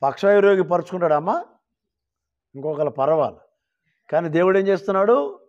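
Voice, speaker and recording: A male pastor preaching a sermon, reading scripture slowly and calling on the church to shout hallelujah. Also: high-pitched, animated, highs cut off. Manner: calls for loud hallelujahs, rising to shouts; drawn-out quoting of scripture verses.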